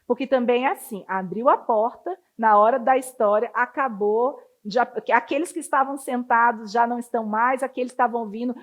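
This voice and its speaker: A woman giving a casual training talk to children's ministry volunteers, chatty and full of anecdotes. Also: on the high side. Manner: chatty, storytelling, acts out children's voices.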